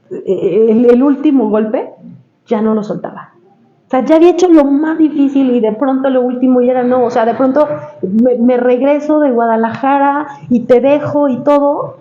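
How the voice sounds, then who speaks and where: A therapist appearing as a podcast guest casually recounts therapy sessions at length, using lots of fillers. Her voice is a little high with a dark tone. The podcast sound is roomy and slightly dull, with faint ambience.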